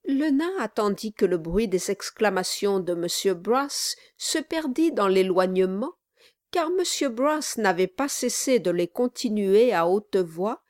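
A woman narrating a classic novel with measured, expressive storytelling, in a dry close recording. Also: mid-range voice, no room sound. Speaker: audiobook narrator.

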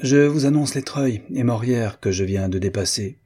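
A male reader voicing a joking aristocratic gentleman in a spoken novel. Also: mid-range voice, normal speed, slightly rough, natural voice. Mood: bantering. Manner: bantering.

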